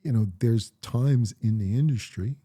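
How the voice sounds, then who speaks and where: In a relaxed conversation with his daughter, a middle-aged man from Jamaica reflects and tells stories in a measured way, with a Jamaican accent. As the parent being interviewed, he speaks in a warm, mid-range voice.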